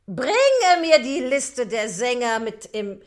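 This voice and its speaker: A man voicing an imperious queen in a storybook reading, shrill and commanding. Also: very animated, slow pace, full character voice.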